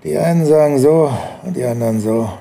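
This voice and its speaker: A man playing a gravelly, brooding suspect. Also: on the high side, brisk, mellow. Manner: terse, evasive, muttering. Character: brooding male criminal under interrogation, evasive, plagued by headaches.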